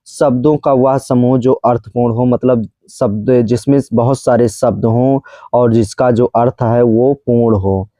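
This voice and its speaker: Dark-voiced male Hindi grammar teacher. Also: mid-range voice, fairly even intonation, measured pace, dry recording. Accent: Hindi-accented English words. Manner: repeats each definition twice, calls viewers friends. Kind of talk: grammar lesson explained slowly.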